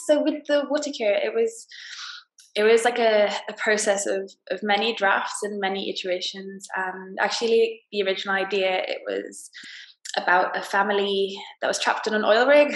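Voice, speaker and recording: A woman, a guest novelist talking casually about her book on a video call, slightly croaky from a cold, with lots of fillers and restarts. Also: medium pitch. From Wales. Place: small plain room indoors. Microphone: laptop video call. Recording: roomy video call audio.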